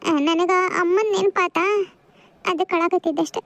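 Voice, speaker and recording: A gentle young village girl in a cartoon, soft-spoken and sorrowful, voiced by a woman. Her voice is very high and sits in a dry, close recording. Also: fairly even intonation, normal speed, gravelly, no echo, full character voice. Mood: sad. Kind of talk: cartoon voice acting.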